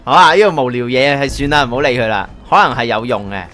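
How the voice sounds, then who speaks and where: A man's voice: medium pitch, expressive, fast talker, sharp tone, soft background music. A man with a Hong Kong Cantonese accent giving a casual, chatty game walkthrough, thinking aloud as he plays. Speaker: gaming YouTuber.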